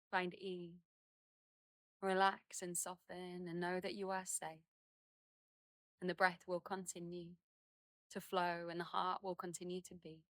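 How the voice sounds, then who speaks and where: Out in a garden, a woman leads a guided meditation, offering soothing instruction in gentle, unhurried phrases broken by many pauses. Her voice sits on the low side, and the recording is dry.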